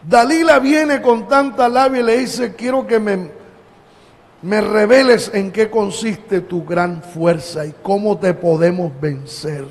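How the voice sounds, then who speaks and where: A pastor from Colombia preaching a sermon, with emphatic rises and drawn-out phrase endings. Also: male voice, high voice. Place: church. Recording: long church hall reverb.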